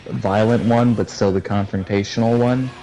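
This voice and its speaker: Brief: male stream co-host, very low register, blunt, profane, emphatic, casual banter. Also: fairly even intonation, normal speed, warm tone, slight background noise, rough recording. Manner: blunt, emphatic, swears freely. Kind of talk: casual chat over a live game stream.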